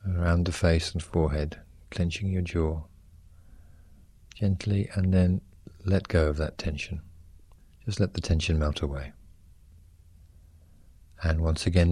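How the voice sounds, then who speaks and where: A man with a low, dark voice guides a relaxation exercise. He gives soothing, gentle instructions in short phrases. The sound is close and very dry. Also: slightly rough, no room sound. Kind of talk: guided progressive muscle relaxation.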